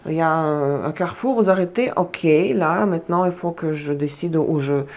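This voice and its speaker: A woman with a low voice and a darkish tone gives a casual tarot reading at a moderate pace. She's chatty, frequently searches for words, and repeats herself.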